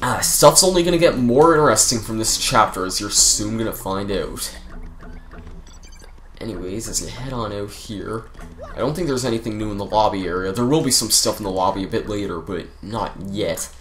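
A man's voice: lowish voice, moderate pace, fairly bright tone, a little hiss or hum. A young man giving casual, rambling commentary over a video game, chatty and full of fillers. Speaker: let's play commentator. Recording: faint game music behind.

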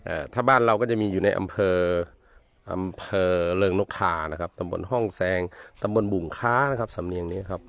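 A man's voice: deep voice, fairly quick, vocal fry, a bit bright, dry recording. A man from Thailand talking casually as a travel vlogger outdoors in a village, polite and rambling with many hesitations. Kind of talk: casual travel vlog narration.

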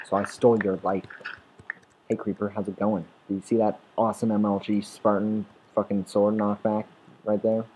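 A man offers rambling, swear-filled let's-play commentary through a desktop or headset mic, talking at the monsters and restarting sentences. His fairly low voice is level and dark at a moderate pace, in a rough recording with a little hiss or hum.

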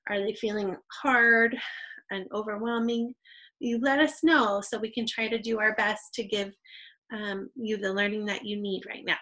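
A woman's voice: medium pitch, fairly even intonation, normal speed, pushed and bright, low-quality recording. A young adult woman teaching an online reading lesson to young children, patient and encouraging, on a computer microphone.

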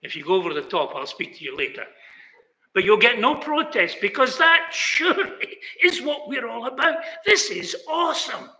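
Very high-pitched and very animated, an older British preacher speaks at a moderate pace with a sharp tone. His earnest chapel sermon rises at times to exclamations. A fixed camera captures him seated in mid shot in the echoing indoor hall.

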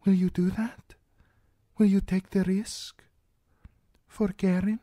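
A man's voice: high-pitched, flat delivery, slow pace, dark tone, no room sound, voice pushed up. Man doing a wily young princess, raised voice, coaxing, dry close sound. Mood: urging. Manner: coaxing, confiding. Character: young scheming princess, woman, persuasive.

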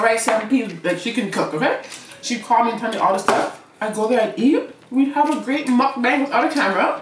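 A woman's voice: medium pitch, a little hiss or hum. A woman chatting casually and teasing her friend while eating on a mukbang vlog. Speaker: vlogger co-host. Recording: roomy, mic far off, music behind.

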